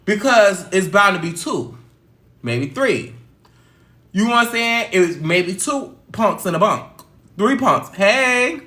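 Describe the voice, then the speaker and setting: A woman hosting a casual livestream chat, telling stories in an expressive, animated way. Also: mid-range voice, slow pace, echoey room. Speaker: livestream host.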